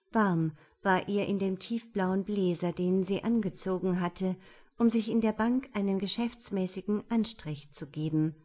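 A woman narrating a novel as an audiobook, in steady, measured storytelling. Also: mid-range voice. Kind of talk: scripted narration.

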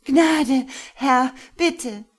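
A woman's voice: a little high, fairly even intonation, measured pace, darkish tone, husky, pitched above the performer's own voice. A woman reading an audiobook, voicing a frightened young woman who pleads and stammers. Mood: pleading.

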